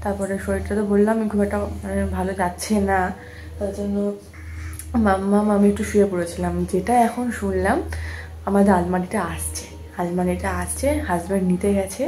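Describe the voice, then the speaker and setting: A woman's voice: medium pitch, little pitch movement, brisk, warm tone, slight background noise. A young woman, a mother, talking casually to her viewers in a rambling vlog style, restarting sentences often. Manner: rambling, chatty, with many restarts and fillers. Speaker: mother and lifestyle vlogger.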